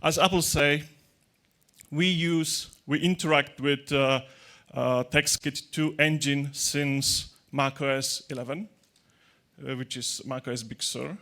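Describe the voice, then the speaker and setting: With a slightly high, steady voice that is bright and forceful, a man speaks slowly at a tech conference. The audience sits in a large, dark hall as he talks into a handheld mic, joking and chatty, restarting hesitantly and using non-native grammar.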